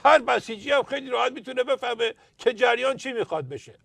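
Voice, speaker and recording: A man's voice: very high-pitched, animated, vocal fry, a bit bright, dry recording. A man playing a satirical pundit, telling anecdotes with punchlines and emphatic outbursts. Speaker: satirical pundit character "Doctor". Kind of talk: scripted political satire sketch.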